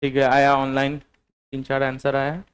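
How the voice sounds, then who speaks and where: A male teacher, giving a classroom lecture. He dictates notes slowly and repeats them, then quizzes his online students. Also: mid-range voice, monotone, clean tone. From Bihar, India.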